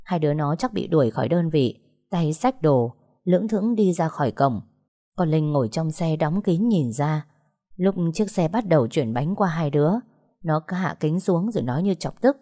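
Low-voiced woman telling a story. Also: animated, moderate pace, dark tone. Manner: conversational, addresses listeners directly. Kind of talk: story narration.

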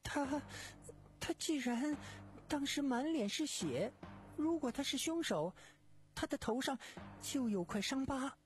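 A guilty middle-aged widow in a storybook reading, her voice pitched high and trembling. She pleads and wavers, never steady, a narrator acting her out. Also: a little slow. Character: scheming middle-aged widow, nervous then tearful.

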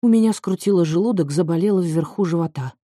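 A woman reading a novel aloud in a measured, even way. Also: lowish voice, husky, dry recording, clean studio sound. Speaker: audiobook narrator. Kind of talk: scripted narration.

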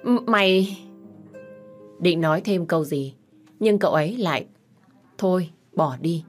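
A woman tells a first-person story in a calm, steady voice that sits a little low. Faint music plays under her narration. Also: moderate pace.

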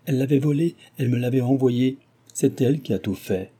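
A man's voice: fairly quick, dark tone, breathy edge, close to an everyday voice. A man voicing a proud, distressed young heiress. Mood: ashamed, agitated. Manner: pleading, emotional, high-strung. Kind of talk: audiobook reading.

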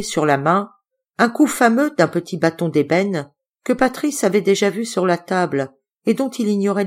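A woman reading a classic novel aloud as an audiobook narrator, measured and expressive. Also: fairly low pitch. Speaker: audiobook reader. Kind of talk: literary narration.

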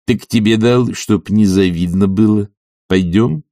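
A man's voice: lowish voice, measured pace, mellow, dry recording, clean studio sound, distant mic. A man voicing a sly, joking coachman in an audiobook. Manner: sly, knowing. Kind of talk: audiobook character reading.

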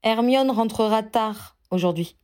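A woman's voice: fairly high pitch, a little slow, a little mellow, natural voice. Ron, a woman doing a hot-headed young man. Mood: indignant.

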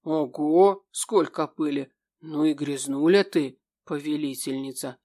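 A woman voicing a smug, grumbling male demon in an audiobook, speaking slowly and drawing out her words. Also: low voice. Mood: indignant. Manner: slow, drawn-out and smug, at times breathy and soft.

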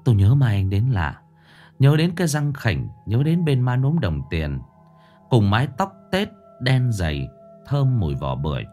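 A man narrating a ghost story in a dramatic, expressive reading. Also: medium pitch, normal speed, soft background music.

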